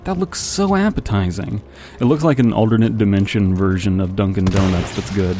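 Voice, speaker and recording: Over game music and gunfire, a man with a lowish voice rambles through casual commentary at a moderate pace while playing a video game. He drops wry, joking asides along the way.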